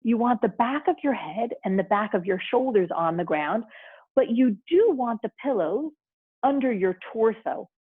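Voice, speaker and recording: A woman teaching restorative yoga, giving soothing, unhurried step-by-step instructions. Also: fairly high pitch, animated, slightly rough, dry recording, phone-quality sound.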